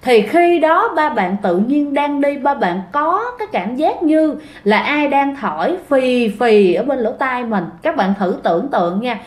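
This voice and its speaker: A woman's voice: high voice, expressive, measured pace, hardly any pauses. Chatty woman telling ghost stories, echoey room. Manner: chatty, addresses listeners often. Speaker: storyteller host. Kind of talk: casual ghost story narration.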